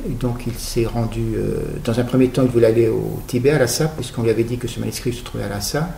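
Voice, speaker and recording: A middle-aged man from Guadeloupe, an author interviewed on radio, speaking in a measured, explanatory way with occasional hesitations. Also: medium pitch, fairly even intonation, vocal fry, dark tone, echoey room, a little hiss or hum. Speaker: author guest.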